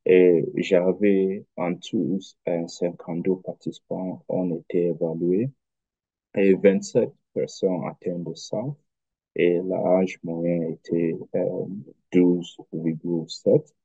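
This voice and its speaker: A man with a foreign accent in French, a non-native speaker giving an academic presentation in halting, careful phrases over a video call. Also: deep voice, flat delivery, vocal fry, warm tone, breathy edge, dry recording, muffled recording. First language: not French. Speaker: researcher presenting a study.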